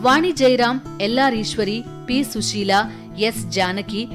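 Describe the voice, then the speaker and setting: A woman giving a formal, scripted documentary narration. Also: fairly high pitch. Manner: measured, formal storytelling delivery. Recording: narration over loud background music.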